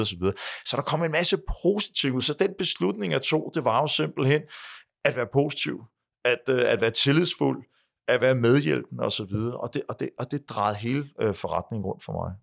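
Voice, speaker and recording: Creaky-voiced man telling a story. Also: medium pitch. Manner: halting, with frequent restarts and fillers. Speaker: podcast guest, business leader. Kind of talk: casual storytelling interview.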